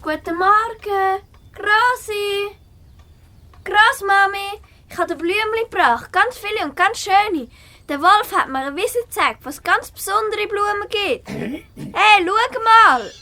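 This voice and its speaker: A woman's voice: extremely high pitch, expressive, takes it slowly, bright, forceful tone, exaggerated voice. A woman playing a sweet, innocent little girl in a children's radio play. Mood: cheerful, calling.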